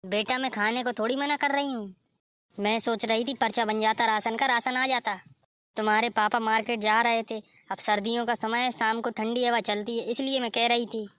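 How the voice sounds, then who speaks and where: A woman's voice: a little high, steady tone, normal speed, a bit bright, dry recording, clean studio sound, close to an everyday voice. A woman voicing a nagging old mother-in-law. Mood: scolding. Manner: scolding, complaining. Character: scolding older mother-in-law, nagging and complaining. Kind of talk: cartoon story voice acting.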